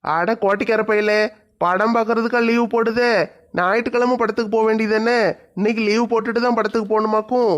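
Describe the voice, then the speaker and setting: A man's voice: high voice, fairly even intonation, quick pace, muffled recording, close to an everyday voice. A man playing a blunt male coworker who chides and teases. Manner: chiding, teasing.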